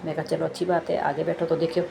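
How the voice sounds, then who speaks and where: Woman in her thirties, low gravelly voice, casual family vlog over noisy outdoor phone audio. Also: level tone, fast. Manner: chatty, retells conversations with her children. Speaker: vlogger. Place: outdoor play area with rides.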